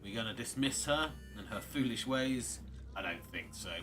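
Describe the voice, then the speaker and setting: A gamer commentates on his own playthrough in a mid-range voice with lively intonation and a moderate pace. His talk is casual and rambling, with dry muttered asides aimed at the game's characters. Loud game music plays behind his voice.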